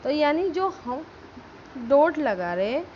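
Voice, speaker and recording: A woman school teacher explaining a grammar lesson step by step, stressing example words slowly and checking that students follow. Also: high voice, big pitch swings, dull audio, slight background noise. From India.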